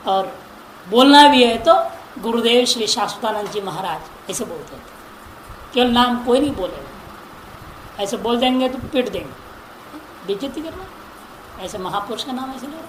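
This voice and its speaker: A man teaching Sanskrit grammar in a classroom lesson, chanting word forms slowly and correcting pronunciation with repeated examples. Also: extremely high pitch, animated. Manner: recites word forms in slow drawn-out chants. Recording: echoey room with faint noise.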